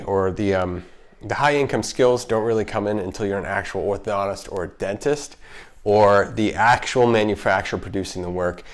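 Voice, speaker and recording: A man with a fairly low voice hosts a casual explainer video from his home. He has a slight lisp from the retainers in his mouth. His delivery is chatty and emphatic, unscripted, with sentences that often break off and start again. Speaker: video host, marketer. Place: home kitchen.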